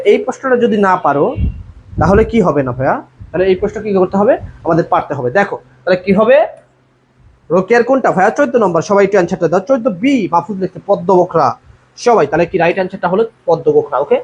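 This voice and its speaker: A man's voice: high-pitched, a little mellow. A male admission tutor leading a live online class, reading out students' answers from the comments and asking the group to reply. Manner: calls students "bhaiya", reads out viewers' comment answers. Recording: dull lo-fi sound with faint noise.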